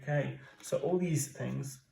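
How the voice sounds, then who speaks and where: A British man in his thirties hosts a board game playthrough, chatting through the rules and dropping jokey asides. His voice is a little high, creaky and warm, at a measured pace. The mic sits at a distance in an echoey room, with slight background noise.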